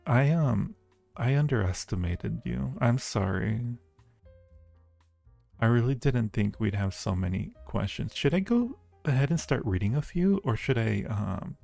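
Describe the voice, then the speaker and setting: He's a livestream host and audio roleplay creator whose medium-pitched voice is gravelly and somewhat dark. With music running behind him, he chats playfully and casually with his audience, speaking to them with affection.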